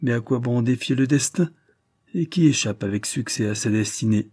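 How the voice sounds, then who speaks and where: A man narrating a literary story in a steady, even storytelling manner, on a close microphone. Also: medium pitch, moderate pace, no room sound. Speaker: audiobook narrator.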